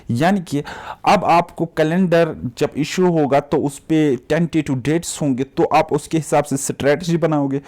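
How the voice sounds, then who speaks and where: A man with a slightly high-pitched voice talks to his students like a coaching teacher giving them an update. He is chatty and direct and keeps encouraging them. He mixes English words into his Hindi and checks in often with "theek hai" and "okay". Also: a little mellow. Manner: straightforward, repeats "ठीक है" and "okay" as check-ins. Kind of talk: casual direct-to-camera exam update.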